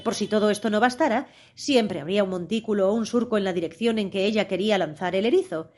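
Woman reading a storybook aloud. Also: mid-range voice. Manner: measured, expressive reading. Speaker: audiobook narrator. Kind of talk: scripted storybook narration.

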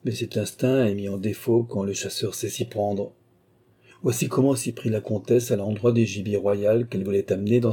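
A man narrating a classic novel aloud in a measured, literary way. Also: fairly low pitch, warm tone, husky. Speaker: audiobook narrator. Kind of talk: scripted narration.

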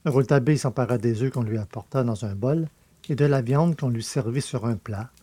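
Male audiobook narrator, mellow husky tone, dry booth sound. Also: mid-range voice, dry recording. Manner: measured storytelling delivery.

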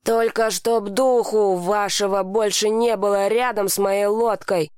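A woman's voice: medium pitch, steady tone, unhurried, darkish tone, clear, resonant tone, no room sound, clean studio sound, natural voice. A woman voicing a grumpy oysterman who snaps and shrieks threats. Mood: shrill. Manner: snappish, shrieking.

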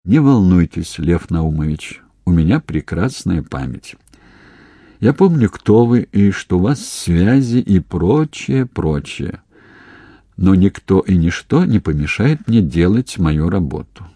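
Guy doing a wry cop investigator, deep and a bit husky, dry ironic tone. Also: animated, slow pace, warm tone, dry recording, full character voice. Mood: calm. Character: young male police investigator, wry and calm.

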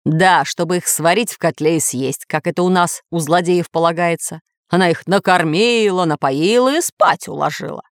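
A woman's voice: fairly low pitch, normal speed, few pauses, dry recording, clean studio sound, natural voice. A woman voicing a pompous, angry male villain lord in a children's audiobook, growling and snapping. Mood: furious. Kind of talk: audiobook character voice.

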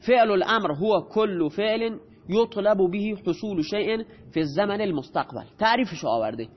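A high-voiced man teaches grammar with lively intonation, going through each rule step by step and stopping to quiz his students. The sound is dull and muffled, ringing with long hall reverb.

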